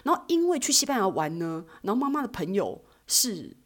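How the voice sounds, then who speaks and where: Woman rattling off a story, husky, voice jumps all over, lowish. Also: brisk. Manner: chatty, animated, many fillers. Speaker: podcast host. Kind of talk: casual storytelling.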